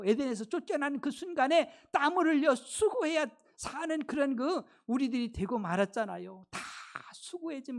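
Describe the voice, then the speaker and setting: Emphatic preacher swinging loud and soft. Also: sits high. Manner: repeats phrases for emphasis. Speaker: pastor. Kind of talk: sermon. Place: church.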